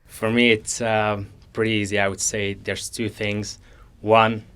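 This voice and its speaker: A man in his twenties from Hungary, a company co-founder answering interview questions in an earnest, measured way with frequent restarts. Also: on the low side, flat delivery, a bit bright, clear, resonant tone. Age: 20s. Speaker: co-founder guest. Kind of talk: conversational interview.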